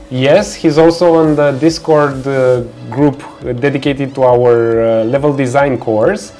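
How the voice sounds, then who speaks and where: A young man with a Romanian accent who hosts a live stream, chatting casually with viewers while he works, with lots of fillers. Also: fairly high pitch. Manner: chatty, reads out and answers viewer chat, relaxed unhurried, filler-heavy. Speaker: livestream host. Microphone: headset.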